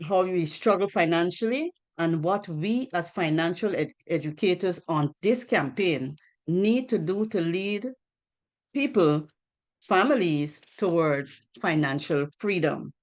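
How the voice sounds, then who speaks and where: A woman from Guyana with a voice on the low side gives a financial literacy presentation over a group video call. She speaks earnestly, posing rhetorical questions and repeating her key points.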